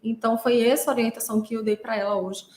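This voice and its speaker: A woman's voice: on the high side, fairly even intonation, quick pace, darkish tone, echoey room. A woman from Brazil, a therapist hosting a podcast, talking casually and telling stories with many fillers. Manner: chatty, storytelling, many fillers like "né". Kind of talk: casual monologue.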